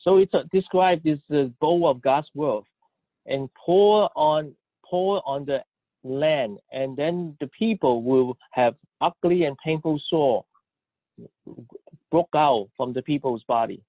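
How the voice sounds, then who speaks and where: A man with a slightly high voice interprets a sermon phrase by phrase, stumbling, repeating words and restarting mid-sentence. His voice comes through a tinny, phone-like connection with a dry sound and no room echo. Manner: halting, with many restarts and cut-off words. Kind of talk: live consecutive interpretation.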